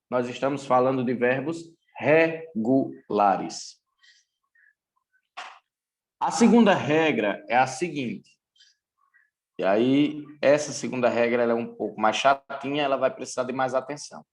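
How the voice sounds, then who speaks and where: A man from Brazil teaching English grammar in a recorded lesson, speaking deliberately and repeating key points. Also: mid-range voice.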